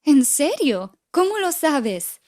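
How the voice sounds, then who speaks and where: A woman's voice: sits high, sing-song, slow pace, darkish tone, voice pushed up, exaggerated voice. A woman voicing a fussy, fretful hen with an exclaiming manner.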